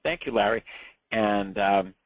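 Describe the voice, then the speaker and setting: A man in his sixties, originally from Long Island with a New York accent, runs a laid-back ham radio licensing class full of chat and anecdotes, repeating words on restarts. His voice is on the low side and a little slow, captured in a dry, rough recording.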